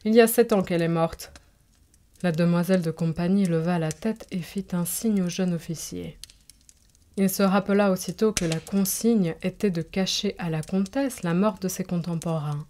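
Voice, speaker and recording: A woman narrating a classic story aloud in a measured, clear way. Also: fairly low pitch, mellow.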